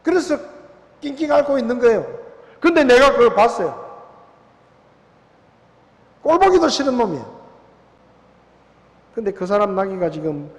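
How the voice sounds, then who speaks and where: A Korean pastor with a Gyeongsang accent preaches in a lively, storytelling way. His voice sits high for a man. A long reverb from the church hall trails each phrase. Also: normal speed, long pauses. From Gyeongsang province, South Korea. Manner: animated storytelling, acting out voices. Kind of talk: sermon. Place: church sanctuary.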